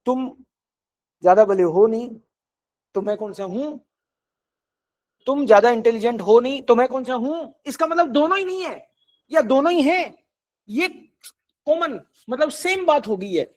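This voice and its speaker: A man's voice: very high-pitched, lively intonation, a little slow, pauses often, a little mellow, poor audio. A man teaching a German class, patiently explaining grammar and mixing in English words. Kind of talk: classroom lecture.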